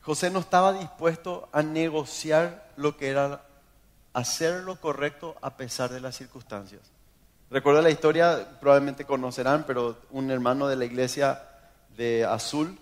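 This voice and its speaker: Argentine pastor preaching in an echoey hall. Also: male voice, medium pitch, normal speed. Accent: Argentine Spanish. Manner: animated storytelling, acts out quoted voices. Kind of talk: sermon. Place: church. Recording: long hall reverb.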